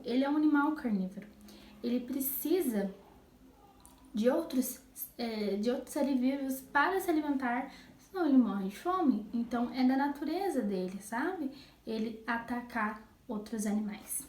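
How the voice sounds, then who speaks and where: Brazilian female teacher, higher voice affected by swollen tonsils, informal lesson delivery, roomy echo. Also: a little mellow. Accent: Brazilian Portuguese. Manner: explains step by step, checking in with tag questions. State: inflamed sore throat, swollen tonsils. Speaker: science teacher. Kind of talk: informal recorded school lesson. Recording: roomy echo, faint background noise.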